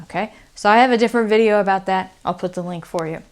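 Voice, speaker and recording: A woman's voice: mid-range voice, fast talker. A woman with a standard American accent teaching English pronunciation in a conversational, explanatory way, often checking in with the listener. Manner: explanatory, often checks understanding with "okay?" and "right?". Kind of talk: conversational video lesson.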